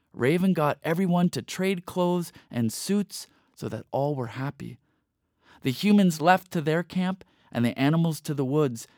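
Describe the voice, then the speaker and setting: A man narrating a storybook tale with a playful, expressive reading. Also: medium pitch, no room sound, clean studio sound.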